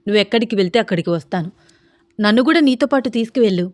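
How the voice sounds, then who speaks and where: Narrator as stubborn young heroine, pleading, defiant, dry mic. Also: female voice, on the high side, animated, rapid-fire, darkish tone, no room sound, natural voice. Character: stubborn devoted young woman, cousin.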